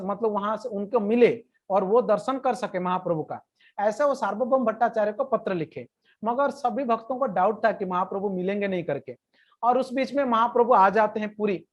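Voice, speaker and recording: A woman retelling a scripture story in a devotional lecture, in a plain conversational way, with slow recited verses now and then. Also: medium pitch, highs cut off.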